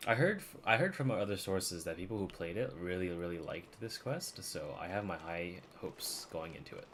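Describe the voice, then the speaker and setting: With a low, slightly bright voice, a man chats casually and animatedly at a moderate pace while streaming a video game. There's slight background noise, plus the game's music and dialogue.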